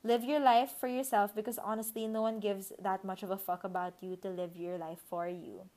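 A young woman in her twenties with a Filipino accent talks to her viewers in a relaxed, chatty way. She drops Tagalog words into her English and swears without a second thought. Her voice sits at an ordinary middle pitch for a woman. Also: brisk. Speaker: vlogger. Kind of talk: casual reflective chat.

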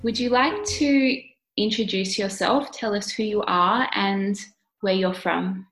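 A woman's voice: mid-range voice, fairly even intonation, takes it slowly, a bit bright, soft background music, rough recording. A woman casually interviewing a guest as host.

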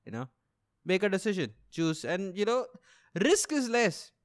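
With a high, sing-song voice and an unhurried pace, a young man with an Indian accent hosts a solo comedy podcast. He rambles casually in a complaining tone, swearing, making fun of himself and saying things more than once in different ways.

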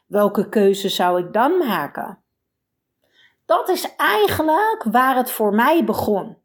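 A woman hosting a motivational podcast as a burnout coach, talking in an energetic, emphatic coaching tone. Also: a little high.

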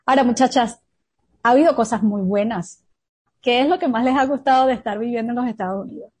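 A woman's voice: fairly high pitch, quick pace, a little mellow, slightly rough. A woman interviewer asking questions and responding supportively in formal phrasing.

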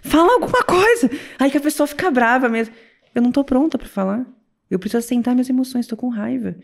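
A young adult woman chatting casually as a podcast co-host, telling stories in an animated, expressive way. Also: on the high side, creaky. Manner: animated storytelling, quick and expressive. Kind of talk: casual chat.

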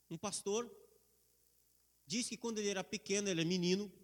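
A man preaching a sermon, emphatic and slowing down for scripture. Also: sits high. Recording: long hall reverb.

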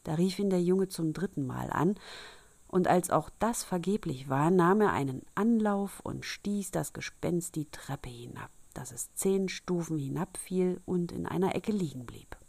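A woman reading a fairy tale aloud in a calm, measured storytelling manner, sometimes sinking to a whisper. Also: fairly low pitch, vocal fry, dry recording. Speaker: narrator.

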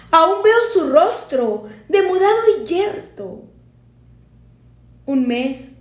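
High-voiced woman reciting a sad poem very slowly, echoey room. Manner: solemn, theatrical declamation. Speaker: poetry reciter. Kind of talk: dramatic poetry recitation. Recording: roomy echo.

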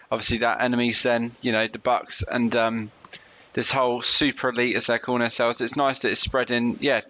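A man's voice: medium pitch, pushed and bright. A man co-hosting a casual podcast, easygoing and full of fillers. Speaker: podcast co-host. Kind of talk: casual chat.

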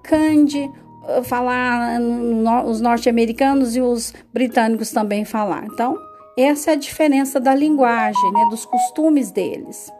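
A woman's voice: on the high side, unhurried, warm tone, soft background music. A Brazilian woman with a Brazilian Portuguese accent, teaching English vocabulary in a casual way, repeating words and adding frequent tag questions. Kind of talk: casual lesson monologue.

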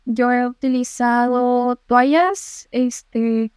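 A young Mexican woman co-hosting a podcast, telling a story in casual, slangy, animated chat. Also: on the high side, extremely slow, clear, resonant tone, no room sound, studio quality. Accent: Mexican Spanish. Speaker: podcast co-host.

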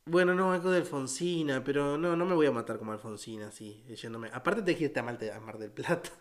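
A man with a Uruguayan Spanish accent in a casual, darkly joking conversation, wry and deadpan. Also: medium pitch, fast. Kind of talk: casual dark-humored chat.

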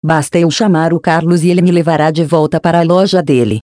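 Frightened defiant girl in a storybook, read by a Brazilian narrator, mellow voice. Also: deep voice, steady tone, fast talker, dry recording, clean studio sound, close to an everyday voice. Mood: anxious. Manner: anxious, questioning.

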